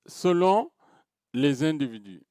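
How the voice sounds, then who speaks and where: A man teaching a recorded class, taking his time and pausing often with filler sounds as he works through each point. His voice is plain and close, with a dry, deadened sound and no room echo. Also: on the high side, very animated, mellow. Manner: hesitant, many filler sounds and restarts; explains step by step, counts items aloud. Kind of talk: recorded lecture to students.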